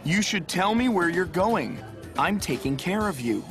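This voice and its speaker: A man voicing a responsible group leader in a scripted textbook dialogue, speaking slowly and clearly. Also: high-pitched, sing-song, faint music behind, full character voice. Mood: warning. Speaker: recorded dialogue voice.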